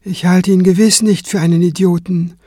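A composed cleric with a dry, cutting wit, as a male audiobook reader puts him on. He speaks evenly and a touch higher than the reader's own voice, recorded dry and close. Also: slow pace, no echo. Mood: calm. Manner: calm and dry. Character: calm, dryly sarcastic male cleric.

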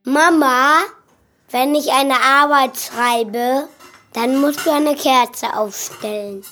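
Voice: high-pitched, slow, bright, forceful tone, faint music behind, exaggerated voice. An eager, proud little boy. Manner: eager, insistent. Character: young schoolboy, eager and proud. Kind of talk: children's audio drama.

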